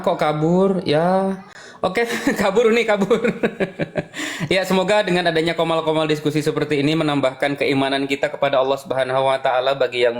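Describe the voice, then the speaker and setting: A man with an Indonesian accent, a panelist on a debate call, speaking in a calm, measured way. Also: fairly high pitch. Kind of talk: casual debate talk on a call.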